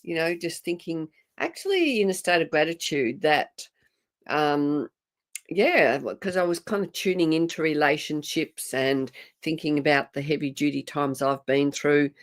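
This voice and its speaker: A woman's voice: sits low, unhurried. A woman co-hosting a live video chat, talking in a chatty, reflective way. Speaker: co-host of a live wellbeing chat.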